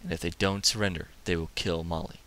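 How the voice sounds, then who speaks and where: A man hosting a comic book review, summarizing the story with excitable, casual asides. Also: low voice, quick pace, heavy background noise. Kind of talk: enthusiastic comic review narration.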